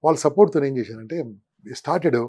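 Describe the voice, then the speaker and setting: An older man, giving an interview as a motivational speaker and telling his story in an animated way, listing things off and acting out quotes. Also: fairly high pitch, quick pace, slightly rough. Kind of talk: casual interview talk.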